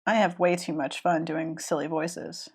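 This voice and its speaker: A woman's voice: deep voice, level tone, measured pace, darkish tone, slightly rough. Woman with a cold, rambling stream chat while drawing, lots of restarts. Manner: rambling, chatty, many restarts and fillers. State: has a cold. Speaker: live-streaming illustrator.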